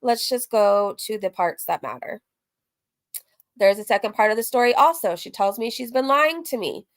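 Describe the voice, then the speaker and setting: Hosting a reaction stream, she rambles candidly through a recap, reads messages out loud, drifts into tangents, and swears casually. Her mid-range voice is animated and delivered at normal speed.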